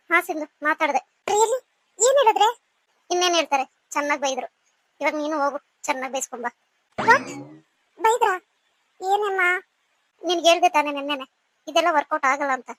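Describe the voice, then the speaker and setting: A woman's voice: extremely high pitch, a bit bright, no room sound, poor audio. A woman voicing chatty, emotional young female college students in a cartoon, switching between scolding and pleading. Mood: bickering. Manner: quick back-and-forth, scolding and pleading. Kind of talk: cartoon voice acting.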